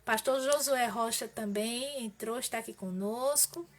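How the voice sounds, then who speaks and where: A woman's voice: a little high, unhurried. Fervent northeastern Brazilian woman preacher. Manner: fervent, emphatic exhortation with pleading repetitions; soft, hushed voice in prayer. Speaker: minister leading an online prayer broadcast. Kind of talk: live sermon and prayer.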